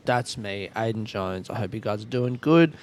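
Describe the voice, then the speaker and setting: A man's voice: fairly low pitch, normal speed. An Australian man hosting a podcast in a casual, rambling, conversational way, recorded on a boat. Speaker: podcast host. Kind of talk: casual solo podcast intro. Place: recorded on a ferry at sea. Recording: clear ambient noise aboard a boat. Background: ferry ambience.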